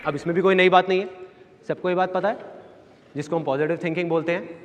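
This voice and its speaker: A motivational speaker giving a seminar talk to a live audience, telling stories and acting out voices. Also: male voice, high-pitched, steady tone, fast, big-room sound, muffled recording, a crowd in the background, noisy background. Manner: storytelling, acts out voices. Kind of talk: seminar talk with acted-out anecdotes. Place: large hall with a live audience.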